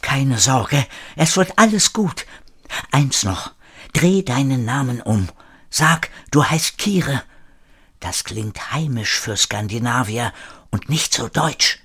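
A man voicing an old grandmother who talks in hushed, urgent whispers in an audiobook story. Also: mid-range voice, expressive, slow pace, slightly rough, exaggerated voice. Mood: tender.

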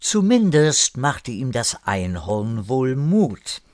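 An older man telling a story aloud as a grandfather, in a slow, measured storytelling manner. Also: medium pitch, sing-song, dry recording, studio quality. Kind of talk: storytelling narration.

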